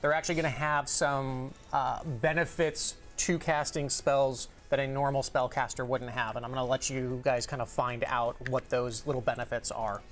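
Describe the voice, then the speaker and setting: A man's voice: mid-range voice, flat delivery, moderate pace, few pauses, a bit bright. A man co-hosting a casual livestream, answering viewer questions and explaining how the game works. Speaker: game developer co-host.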